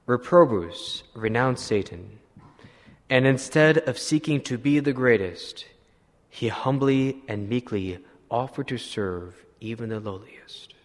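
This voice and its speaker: Male priest, mid-pitched, unhurried sermon storyteller, long reverb around him. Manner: slow, measured retelling with clearing of throat.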